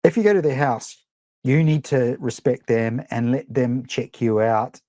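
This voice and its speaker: The voice is warm and medium in pitch, moving at a measured pace in a dry recording. It belongs to a middle-aged New Zealand man giving a chatty, rambling live photography webinar, frequently saying um and starting over.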